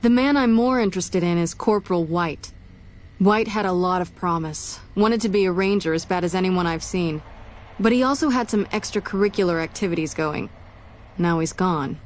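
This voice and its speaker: A woman's voice: lowish voice, moderate pace, slight background noise, close to an everyday voice. An actress playing a no-nonsense female military police officer in a video game, wry and matter-of-fact.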